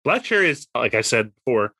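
Male co-host, bright mid-range voice, casual podcast chat, somewhat hesitant, thinking aloud. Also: medium pitch, big pitch swings, fairly quick, husky, no room sound, studio quality.

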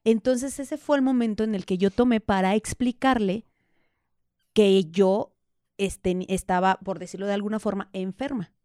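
A Mexican woman in her thirties speaks with a mellow, darker tone. She shares personal stories openly in a casual podcast chat, often slipping into the voices of people she quotes. The sound is close and dry. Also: mid-range voice, fairly even intonation, moderate pace, clear, resonant tone, no room sound. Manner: candid, storytelling, acts out quoted dialogue. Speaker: podcast co-host.

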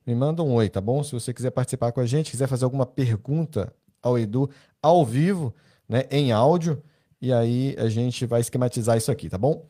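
Mellow Brazilian male host announcing. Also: medium pitch, fairly quick. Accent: Brazilian Portuguese. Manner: announcing, instructing listeners, repeated tá. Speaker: podcast host. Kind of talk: live podcast hosting.

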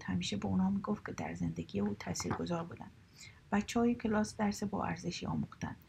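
A woman narrating short stories in a calm, steady, conversational reading voice. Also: mid-range voice, creaky, a little hiss or hum. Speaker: story reader. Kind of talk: colloquial storytelling narration.

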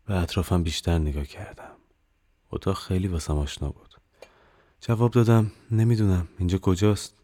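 A man's voice: low voice, expressive, long pauses, dark tone, husky. A young man narrating his own horror audio novel in the first person, with dramatic, tense storytelling. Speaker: narrator and author.

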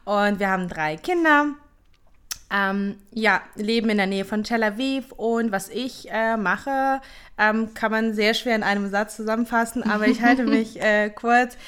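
A woman in her thirties from Ukraine, co-hosting a casual podcast chat and pausing often with fillers. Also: on the high side, fairly bright tone, clean tone. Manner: hesitant, many fillers. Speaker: podcast co-host.

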